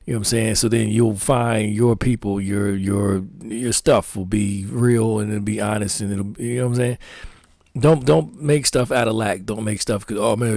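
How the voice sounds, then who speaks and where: A man's voice: on the low side, darkish tone, no room sound, studio quality. A man with a Philadelphia accent talking casually about his clothing designs, full of street slang and constant "you know what I'm saying.". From Philadelphia, United States. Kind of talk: casual talk to camera.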